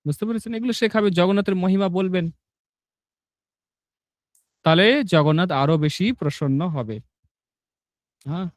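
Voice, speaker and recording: A man's voice: sits high, moderate pace, pauses often, no room sound, studio quality. A man teaching a devotional class, explaining rules and then reciting a long list of sacred names, often checking that listeners understand. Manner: instructive, asks "understood?" often. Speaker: religious teacher.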